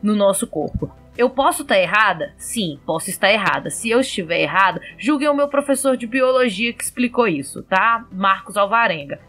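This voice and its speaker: A woman's voice: mid-range voice, animated, normal speed, few pauses, a bit bright, soft background music. A woman hosting a podcast, explaining things in casual chat and laughing often. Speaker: podcast host.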